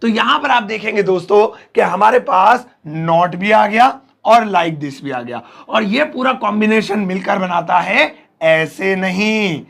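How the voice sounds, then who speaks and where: A man teaching English phrases to Hindi speakers, drilling each phrase slowly word by word with playful asides to viewers. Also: high voice, lively intonation, creaky, fairly bright tone. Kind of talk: Hindi-language English lesson.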